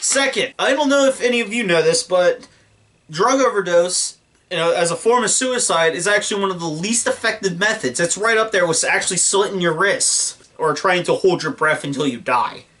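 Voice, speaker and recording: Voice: mid-range voice, lively intonation, normal speed, fairly bright tone. A young adult movie reviewer ranting in disbelief and swearing often while talking through a film. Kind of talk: profane film review commentary.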